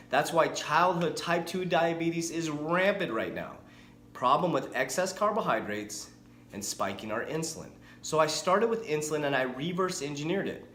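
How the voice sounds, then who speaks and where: With a fairly high voice, the forties-aged fitness coach chats energetically to camera, often backing up to rephrase. The recording sounds roomy and carries a little hiss or hum in this casual vlog.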